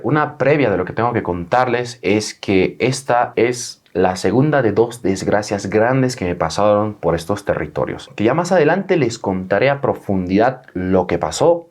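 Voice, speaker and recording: A young adult man who is a travel vlogger, recounting a travel mishap in a dramatic storytelling style. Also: mid-range voice. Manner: animated, dramatic retelling. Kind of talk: storytelling vlog.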